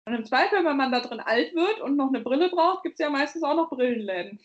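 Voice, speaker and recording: A woman's voice: high-pitched, lively intonation, a little fast, highs cut off. A woman from Bavaria co-hosting a podcast, chatting casually, rambling and laughing often. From Bavaria, Germany. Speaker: podcast co-host. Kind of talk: casual chat.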